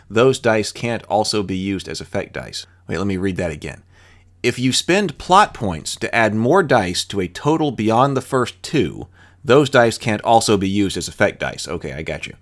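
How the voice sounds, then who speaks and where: A man with a lowish voice leads a tabletop roleplaying lesson, reading the rules aloud step by step and thinking out loud in informal asides.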